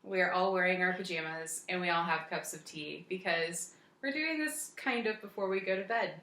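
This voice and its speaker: A woman's voice: lowish voice, moderate pace, pushed and bright, echoey room. A woman hosting a casual evening prayer video at home, chatty and prone to giggling. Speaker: host of the video. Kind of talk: casual chat. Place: home at night.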